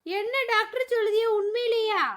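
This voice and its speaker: A woman's voice: very high voice, level tone, fairly quick. A woman voicing a fretful little sister in a cartoon comedy, asking worried, pleading questions.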